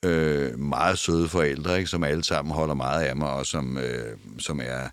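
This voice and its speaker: Older male guest, casual chat, stammers and restarts, very deep voice, dry studio mic. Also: fairly even intonation, no echo. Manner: stammering, repeats words and restarts. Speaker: interview guest. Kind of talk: casual conversation. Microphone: headphones and studio mic.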